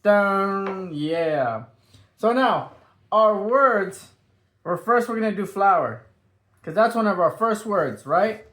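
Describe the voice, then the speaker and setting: A man with a high, light voice walks children through a drawing lesson one step at a time. He keeps things upbeat and sing-song, tossing in little whooshes and boops as he sketches. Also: expressive, takes it slowly, fairly bright tone. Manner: upbeat, sing-song, adds playful sound effects.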